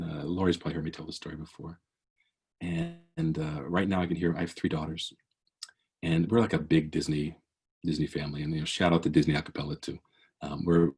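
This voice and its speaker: Low husky man giving an earnest keynote. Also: darkish tone. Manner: earnest, preacherly, with many restarts. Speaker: keynote speaker. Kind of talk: motivational keynote talk.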